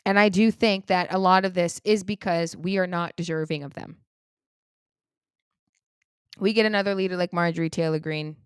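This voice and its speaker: A woman giving a heated political opinion monologue, indignant, swinging between loud outbursts and low muttering. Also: fairly even intonation, normal speed, long pauses, smooth, dry recording, clean studio sound. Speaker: political commentator.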